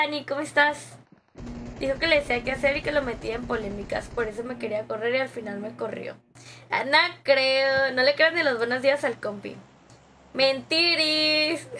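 High-voiced and sharp, with a faint hiss or hum in the audio, this young adult woman with a Mexican accent reads viewer comments on a gaming livestream. She keeps it loose and slangy, laughing a lot.

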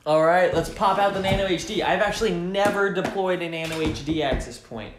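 A young adult tech vlogger chats casually to the camera from his living room couch while unboxing tech gear, enthusiastic and thinking aloud. He has a high voice and speaks fairly quickly. The recording sounds roomy, with background noise.

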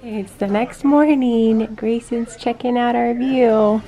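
A woman's voice: fairly high pitch, fairly even intonation, takes it slowly, warm tone, faint music behind, low-quality recording. A young woman in her twenties, pregnant and a little nauseous, chatting to camera about her family's day in a casual vlog, recorded on a phone held at arm's length. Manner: chatty, upbeat, speaking straight to camera. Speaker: family vlogger. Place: inside a car.

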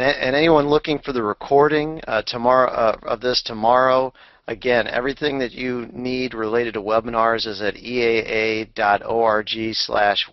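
A man's voice: mid-range voice, no echo, highs cut off. A man hosting a webinar, wrapping up and thanking the presenter and audience with frequent fillers. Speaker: webinar host. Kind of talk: closing remarks of a webinar.

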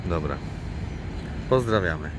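A man vlogging while he films a lakeside city park, talking in a flat, unenthusiastic way with dry humor. He holds the camera himself. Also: sits low, slow. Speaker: travel vlogger and guide. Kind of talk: casual vlog commentary while filming. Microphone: handheld camera mic, speaker off screen. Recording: outdoor camera audio with traffic noise. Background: city traffic and boat noise.

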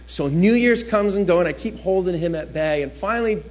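A man's voice: sits high, animated, fairly quick. A man from New Jersey preaching a sermon as a chatty personal story, acting out the people he quotes.

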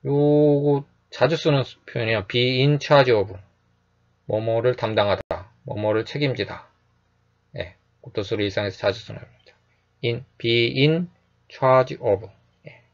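This is a calm lecture in which a man of medium pitch goes over English phrases, slowly repeating each one and often adding a quick "yes." The high frequencies are cut off.

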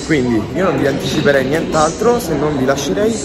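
A man's voice: fairly high pitch, expressive, a little fast, rough recording. A young man talking casually to a phone held at arm's length while vlogging in a train station. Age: young adult. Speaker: racing driver vlogger. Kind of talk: casual vlog talk to camera. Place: indoor train station walkway. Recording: loud station ambience and noise.

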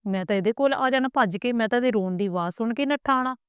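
A cheeky young dad, played by a woman reader, teasing his mother and cooing playfully at his baby. The voice is smooth and clear, with a dry, close sound. It comes from a storybook reading. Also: fairly high pitch, fast talker, no room sound, natural voice.

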